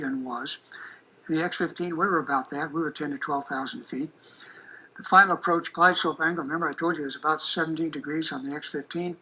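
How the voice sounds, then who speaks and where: A man's voice: a little high, bright, forceful tone, slight background noise, low-quality recording. An older man giving a folksy, conversational lecture as an aerospace engineer, presenting slides and video clips with many restarts.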